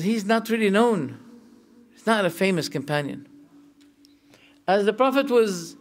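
A man leads a religious lesson, explaining verses in a voice pitched a little high. He is animated and emphatic, lifting his voice on the points that matter. He tells stories with open feeling. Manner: tells stories, sometimes emotional. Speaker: sheikh teaching Islamic creed.

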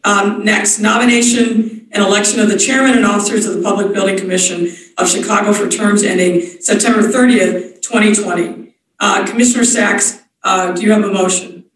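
In a large wood-panelled office, a woman chairs a formal board meeting procedurally, using frequent fillers. Her mid-range voice keeps fairly even intonation at normal speed, captured from far off in an echoey room.

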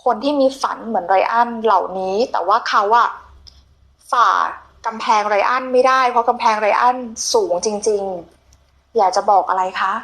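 A woman's voice: medium pitch, normal speed, fairly bright tone. A woman hosting a conversational television interview, speaking affectionately to her guest like an older sister. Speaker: TV show host.

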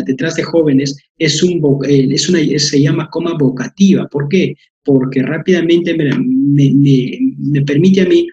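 A man's voice: a little high, a little mellow, dull audio. A man, teaching an online language lesson, explaining patiently with fillers and repeated terms.

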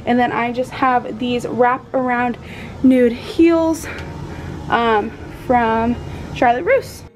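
Bubbly young sorority woman, high voice. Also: fairly even intonation, slow, darkish tone, faint music behind, low-quality recording. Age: young adult. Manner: bubbly, girly sorority-girl chattiness; heavy use of "like". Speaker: vlogger, college sorority member. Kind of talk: casual vlog chat. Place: small dorm room, indoors. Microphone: handheld camera at arm's length. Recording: clear room noise on camera mic.

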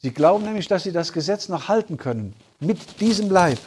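A man's voice: sits high, lively intonation, fairly quick, a little mellow, slight background noise. A man preaching a sermon as a Bible teacher, earnest and explanatory, often checking in with his listeners. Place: conference hall.

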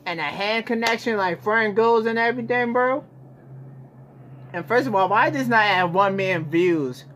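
Speaking at normal speed with a high, fairly bright tone, a young man casually hosts a reaction video, informal and exclamatory. A phone captured him in his small bedroom, giving a noisy home recording.

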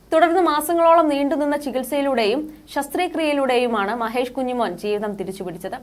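High-voiced woman reading entertainment news. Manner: steady formal read-out delivery. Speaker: news reader. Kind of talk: scripted news narration.

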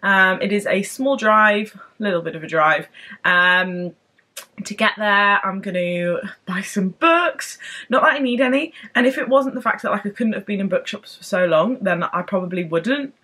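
A young adult book vlogger talks straight to her camera, first in a room with bookshelves at home and later in a parked car. She is bubbly and chatty, tumbling eagerly from one aside to the next at a normal speed with a middle-range pitch. The vlog feels easygoing and excitable.

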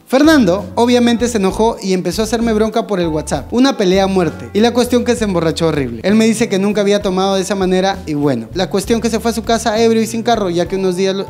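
A young man reads out love stories in a high, bright voice. He acts out the quotes and throws in mocking asides. Faint music plays underneath. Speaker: comedy storyteller host. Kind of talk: comic reading of listener stories.

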